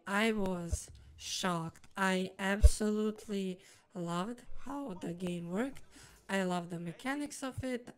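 A woman's voice: medium pitch, smooth, rough recording. A woman speaking through a voice changer, giving a rambly personal game review in formal, wordy phrasing. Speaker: streamer and video reviewer.

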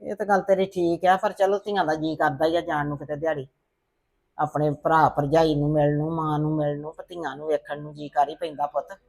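A woman playing a calm, preachy mother-in-law. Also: low-pitched, a little fast. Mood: soothing. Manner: calm, soothing, calls her "son". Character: patient older mother-in-law, soothing and preachy. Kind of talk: family drama acting.

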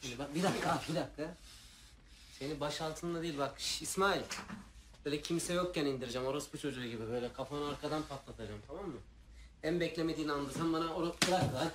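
An actor playing a volatile, furious sailor on a stranded ship, ranting and shouting threats. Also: male voice, on the high side, fast talker, close to an everyday voice. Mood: menacing. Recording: noisy background.

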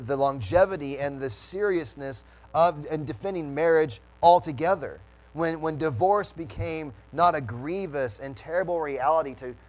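Earnest preaching man, somewhat high voice. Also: low-quality recording. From United States. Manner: earnest, restarts phrases while preaching. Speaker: pastor. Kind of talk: sermon.

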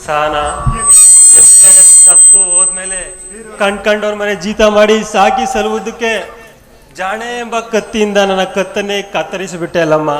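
A man playing an elder brother torn between pride and grief, declaiming his lines with bitterness in a fairly high voice. The live stage recording is roomy, and loud music plays underneath. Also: normal speed, pauses often, lightly acted. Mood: bitter grief. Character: anguished elder brother, proud and wounded. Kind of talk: village stage drama acting.

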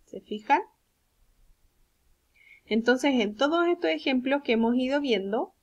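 A woman with a Chilean accent, a speech therapist giving a recorded lesson to young children, speaking patiently and slowly and often checking that they follow. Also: on the high side. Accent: Chilean Spanish. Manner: patient, slow and deliberate, checks understanding with tag questions. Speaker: speech therapist teaching a virtual class. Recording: dull lo-fi recording.

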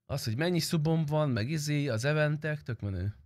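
Close to the mic with no room sound, a young adult man streams a game, talking informally in a fairly high voice. He's slangy and swears freely.

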